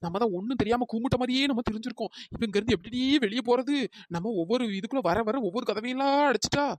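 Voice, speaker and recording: A woman voicing a bold young village woman in a cartoon story who stands up for her friends in brisk, defiant talk. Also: a little high, slight background noise, close to an everyday voice. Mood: worried.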